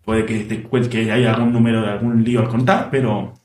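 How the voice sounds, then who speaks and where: A man's voice: on the low side, flat delivery, brisk, a little mellow, recorded from a distance. A man hypnotizing a guest, speaking in soothing suggestive patter. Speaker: hypnotist host. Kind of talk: guided hypnosis induction. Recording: roomy, off-mic.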